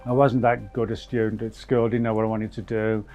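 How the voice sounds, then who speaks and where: A man being interviewed, speaking about his life in an unhurried, thoughtful way. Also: on the low side, flat delivery, darkish tone. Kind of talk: reflective interview talk. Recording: slightly dull, muffled sound. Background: faint music.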